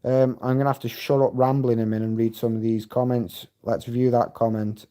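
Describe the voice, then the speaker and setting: Middle-aged male streamer, warm low-key tone, chatty, profane and meandering. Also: little pitch movement, brisk. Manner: rambling, heavy swearing, chatty storytelling. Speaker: livestream host. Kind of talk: casual live-stream chat.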